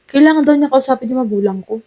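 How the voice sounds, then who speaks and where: High-voiced, animated woman telling a story. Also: fast. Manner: animated, lively storyteller who acts out quotes. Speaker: podcast co-host. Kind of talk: casual storytelling chat.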